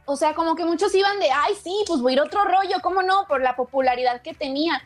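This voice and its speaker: A woman co-hosting a casual chat, relaxed, with many fillers. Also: extremely high pitch, fast, soft background music. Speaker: co-host.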